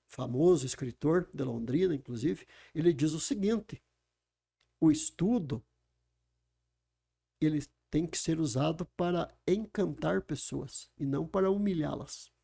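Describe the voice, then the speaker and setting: A man speaks on a podcast. His voice is gravelly, mellow and a little high. He teaches in an emphatic way and asks the listener rhetorical questions. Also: unhurried. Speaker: communication speaker. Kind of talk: conversational explaining. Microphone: podcast microphone.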